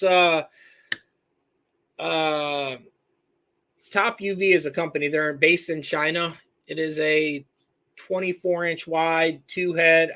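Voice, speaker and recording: A man's voice: a little high, pushed and bright. A man from Michigan hosting a live-stream Q&A, answering viewers in a rambling, self-correcting way and reading their names from the chat. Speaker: host answering viewer questions.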